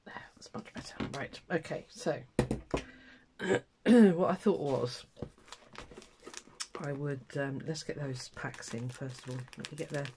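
Slow and low-pitched, pausing often, an older Englishwoman with a cold and stuffy nose chats casually to her craft-channel audience while packing sewing kits. The indoor table is filmed from overhead, showing just her hands. She's talkative and self-deprecating as she works, and the background is noisy.

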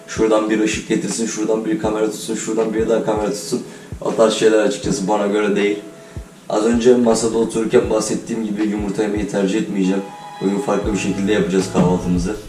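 Guy doing a chill vlog, deep voice, bit robotic like he's been sick, echoey room. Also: warm tone. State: slightly robotic-sounding voice from a recent illness. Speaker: vlogger. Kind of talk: casual vlog chat to viewers. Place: indoors in a holiday flat, at table and kitchen. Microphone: camera on a tripod, some distance away. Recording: roomy echo, distant mic, music underneath. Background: music.

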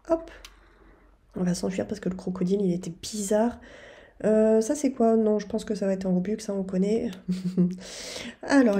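A woman's voice: a little high, darkish tone. A woman giving chatty, self-mocking commentary over her own gameplay and talking straight to her viewers. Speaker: gaming video creator.

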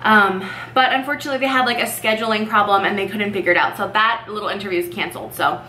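A woman in her twenties with a medium-pitched, quick, sharp-toned voice rambles upbeat while doing her makeup for a vlog in her bedroom, stuffing her chatter with "like" and other fillers. A desk-distance camera mic captures it in an echoey room with faint noise.

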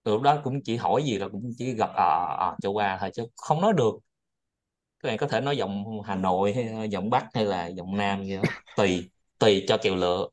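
A man's voice: fairly low pitch, brisk. A man hosting a study group, chatting casually and rambling, often repeating his words.

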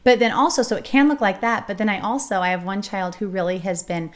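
A woman's voice: mid-range voice, steady tone, quick pace. A woman in her thirties hosting a casual, conversational discussion at a table. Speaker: host. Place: living room, seated at a round table. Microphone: table-mounted microphone.

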